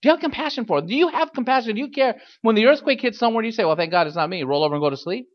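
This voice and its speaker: A man's voice: extremely high pitch, animated, very fast, highs cut off. A man preaching a fiery sermon as a pastor, emphatic and exhorting, repeating phrases and putting pointed questions to his listeners.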